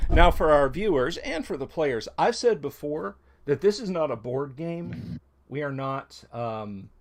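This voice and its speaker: A man running a tabletop role-playing game as dungeon master, narrating in an unhurried way with plenty of ums and uhs. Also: a little high, slight background noise.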